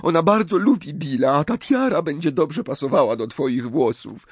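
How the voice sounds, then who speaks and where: A man voicing an anxious, motherly middle-aged woman who speaks haltingly and emotionally. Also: a little high, lively intonation, breathy edge, no room sound, voice pushed up. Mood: conciliatory.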